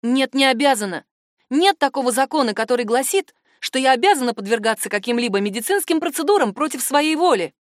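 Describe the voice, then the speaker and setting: A woman voicing a stubborn, sharp-tongued older woman who talks back defiantly in a raised voice. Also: high voice, lively intonation, brisk, no room sound, studio quality, pitched above the performer's own voice.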